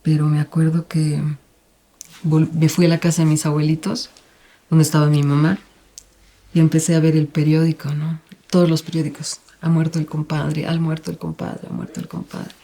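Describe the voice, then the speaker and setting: Woman, flat and dark-toned, subdued interviewee. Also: low-pitched. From Bolivia. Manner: subdued, halting, emotional. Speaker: interviewee, daughter. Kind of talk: documentary interview.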